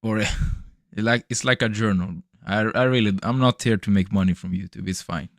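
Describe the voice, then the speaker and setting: With a lowish, slightly bright voice, this young man streams his futures trades live, keeping the commentary loose and chatty as he swears, laughs and talks to chat as bro. He comes from Serbian parents but was raised elsewhere in Europe. The recording is dry, with clean studio sound.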